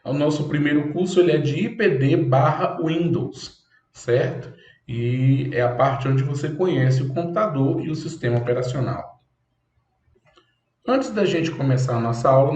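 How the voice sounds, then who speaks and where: A man's voice: a little high, a little mellow. A man teaching a computer course, explaining step by step and checking in with "ok?" often. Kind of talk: classroom lecture. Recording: echoey room, dull lo-fi sound.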